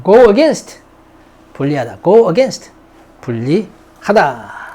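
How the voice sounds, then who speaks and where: Lively English-grammar teacher, slow drills. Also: medium pitch, breathy edge. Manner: drills vocabulary, repeats words, chats to students. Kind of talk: recorded classroom lesson.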